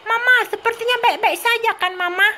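A woman voicing an excited, eager baby boy in a game role-play, with a squeaky, pleading toddler manner. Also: a little fast, a little hiss or hum.

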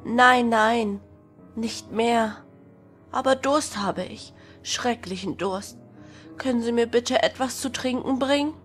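A woman's voice: a little high, takes it slowly, a bit bright. A woman playing a friendly, polite elderly patient over eighty in an acted audio horror story. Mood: thirsty, polite. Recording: music behind the voice.

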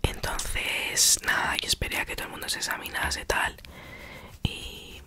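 Whispering a little slowly, a woman with a Spanish accent tells a casual ASMR story in a breathy, unvoiced voice that's bright and forceful. She retells it in colloquial terms and plays out the dialogue.

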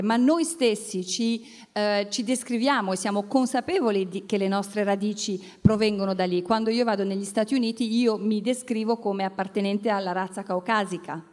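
Woman, Italian accent, live interpreter, medium pitch, echoing hall. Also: darkish tone. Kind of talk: live consecutive translation. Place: festival stage, large hall. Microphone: microphone on a stand at a table. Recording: reverberant hall.

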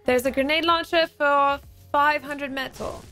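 A woman's voice: sits high, fairly even intonation, a little slow, pushed and bright, soft background music. A young woman in her twenties from Manchester, streaming a game over a headset and teasing her squad with frequent laughs. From Manchester, England. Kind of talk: casual gaming chat. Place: gaming room indoors.

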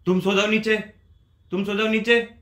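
A man pranking his wife at home, bickering in a gruff, stubborn way. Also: high-pitched, little pitch movement, normal speed, fairly bright tone, echoey room. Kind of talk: staged prank banter. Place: bedroom at home.

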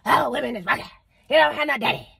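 A woman's voice: sits high, fast talker, vocal fry, bright, forceful tone, slightly rough, no echo, heavily acted. A woman putting on a sneering, taunting demon voice that mocks scornful men.

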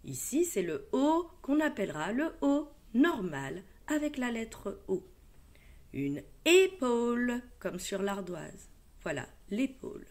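A woman teacher with a French accent leading a reading lesson for young children, sounding out words and syllables slowly and clearly. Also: fairly high pitch, sing-song. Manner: slow, clear syllable-by-syllable modeling. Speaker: primary school teacher.

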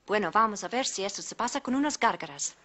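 An actress plays a calm convent nun who reasons firmly, her pitch moving a lot. Clear hiss sits under the old TV audio. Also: quick pace, natural voice.

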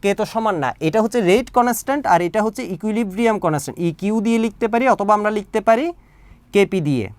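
A man's voice: sits high, animated, fast, clear, resonant tone, no echo. A man, teaching a recorded online chemistry lesson and explaining step by step while often asking the students whether they follow. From Bangladesh. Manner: explains step by step, often checks understanding with questions. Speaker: chemistry tutor.

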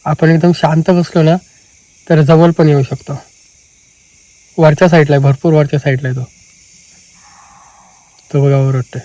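A man with a Marathi Konkan accent, chatting casually to viewers during a night camping vlog in the forest, repeating phrases and often speaking low. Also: little pitch movement, measured pace, long pauses, warm tone, no echo. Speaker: camping vlogger. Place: outdoors at night in a forest by a river.

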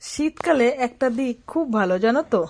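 A hoarse woman with a cold, chatting directly with viewers in a casual daily vlog recorded around her home. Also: high voice, lively intonation, fairly quick, darkish tone. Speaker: vlogger. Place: at home, kitchen and rooftop. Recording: home recording with clear background noise.

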